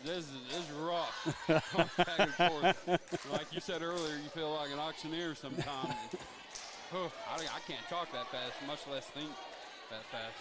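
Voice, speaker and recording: A man's voice: fairly high pitch, fairly even intonation, moderate pace, over a noisy crowd. A man doing easygoing color commentary at a basketball game, laughing often between remarks. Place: basketball gym.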